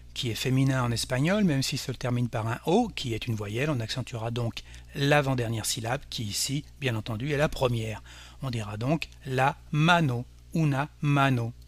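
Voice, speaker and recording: A man teaching a language lesson, explaining rules slowly and carefully with example words. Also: mid-range voice, dry recording. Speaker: Spanish teacher. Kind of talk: scripted language lesson narration.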